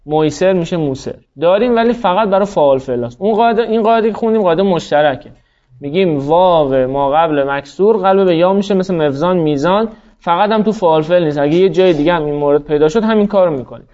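A man's voice: sits high, animated, dark tone, highs cut off. A man teaching a grammar class, explaining each rule step by step and quizzing his students as he goes. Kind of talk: classroom lecture.

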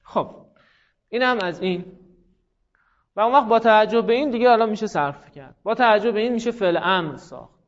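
A male teacher giving a classroom grammar lesson, explaining step by step, repeating forms slowly and quizzing students by name. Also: high voice, highs cut off.

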